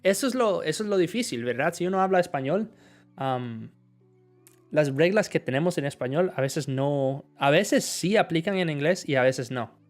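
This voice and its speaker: A man's voice: fairly high pitch, expressive, normal speed, faint music behind. A male teacher answering viewer questions in a live lesson, switching between Spanish explanations and examples. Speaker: English teacher.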